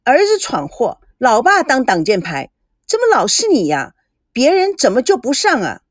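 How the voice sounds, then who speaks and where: Woman doing a bratty storybook sister: high, loud, sarcastic, very lively pitch, dry close sound. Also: measured pace, no echo, exaggerated voice. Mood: mocking. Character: young woman, spoiled sharp-tongued younger sister.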